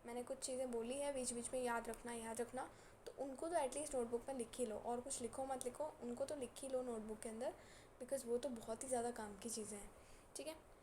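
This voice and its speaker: A woman's voice: fairly high pitch, fairly even intonation, a little fast, mellow, slight background noise. A woman science teacher lecturing in a casual, teasing and scolding way, repeating her points and mixing in terms. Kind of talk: classroom lecture.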